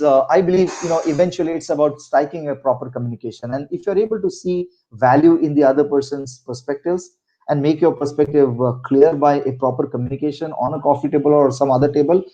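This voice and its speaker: A man's voice: on the high side, fairly even intonation, quick pace, mellow, low-quality recording. A middle-aged man with a Marathi Indian accent, giving career advice through anecdotes in an emphatic, conversational way, repeating phrases for stress. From Maharashtra, India. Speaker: interview guest, senior corporate executive.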